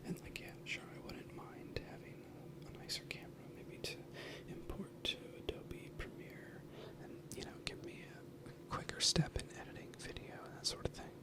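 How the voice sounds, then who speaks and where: Casting: man, thirties, for close-to-the-ear ASMR whispering, casual rambling delivery, fully hushed. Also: normal speed, hardly any pauses. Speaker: ASMR video creator. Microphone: close binaural mic, ear to ear.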